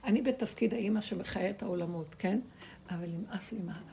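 A woman gives a spiritual teaching to a small group in a gravelly, creaky voice. She speaks emphatically, repeating key words and pressing her listeners with rhetorical questions. A faint hiss of noise runs beneath her. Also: medium pitch, warm tone.

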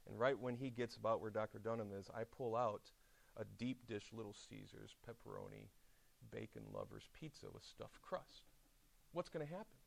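A middle-aged man preaching a chapel sermon, telling stories with lively asides. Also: on the low side, moderate pace, gravelly. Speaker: pastor. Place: seminary chapel.

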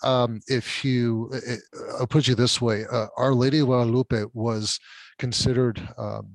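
A middle-aged man from the Mexican side of a California border town, whose first language is Spanish, tells his life story as a podcast guest in a conversational interview. He is reflective and self-deprecating, with a medium-pitched voice, a level tone, a measured pace, and no echo.

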